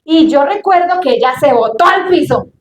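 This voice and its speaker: Middle-aged woman preacher, high voice, emphatic sermon storytelling in a reverberant church. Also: expressive, normal speed, slight background noise.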